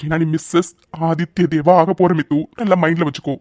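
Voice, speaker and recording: A man voicing a protective young man who is deeply in love and speaks in an insistent, pleading way in a cartoon dub. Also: steady tone, fairly quick, close to an everyday voice.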